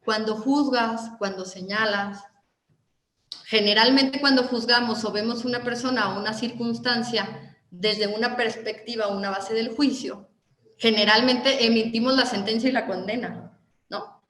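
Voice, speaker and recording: A woman with a Mexican Spanish accent giving a motivational talk, animated and asking her listeners question after question. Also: on the high side, unhurried, echoey room, a little hiss or hum. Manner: animated, asks the audience many questions. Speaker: motivational speaker.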